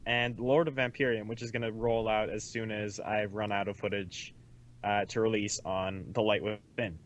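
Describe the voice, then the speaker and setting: A man's voice: lowish voice, little pitch movement, normal speed. A man co-hosting a casual podcast chat, talking in an easygoing, loose way. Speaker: podcast co-host. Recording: dull lo-fi microphone.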